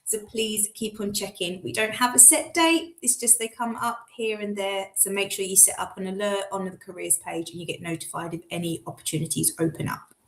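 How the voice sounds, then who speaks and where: A woman's voice: mid-range voice, a little fast, reverberant. A woman co-hosting a live online recruitment Q&A, upbeat and encouraging toward viewers. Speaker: recruitment co-host, former hotel rep. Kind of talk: live Q&A chat.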